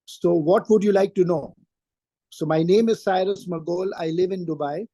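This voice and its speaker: Older man, interview guest; high, mellow tone, emphatic and repetitive, dry close sound. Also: moderate pace, no room sound. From Pakistan. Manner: emphatic, repeats key phrases. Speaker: interview guest, trainer and career coach. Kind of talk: interview answers.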